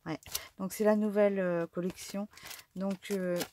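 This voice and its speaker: A woman's voice: mid-range voice, flat delivery, measured pace, dark tone, slight background noise. A middle-aged woman casually talking through an unboxing of craft supplies, hesitant with many fillers and restarts. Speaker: craft vlogger.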